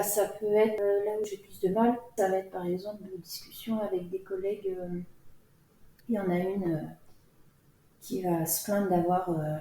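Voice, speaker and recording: Woman, podcast guest, hesitant, mellow voice, echoey room, faint background noise. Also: on the low side. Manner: hesitant, many pauses and fillers. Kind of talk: personal interview.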